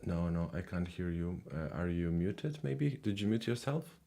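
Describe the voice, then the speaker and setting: A man with a low voice and vocal fry hosts a live language call-in stream at normal speed. He chats with callers in a relaxed way, using lots of fillers and repeated words.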